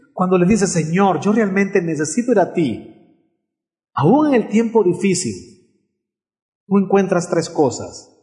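A man's voice: sits high, darkish tone. A man preaching a sermon in an earnest way, often asking his listeners questions.

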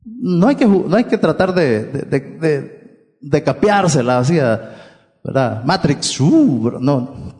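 A man's voice: fairly high pitch, expressive, slow, a little mellow, big-room sound. A man preaching a sermon, explaining earnestly and often repeating words as he restarts.

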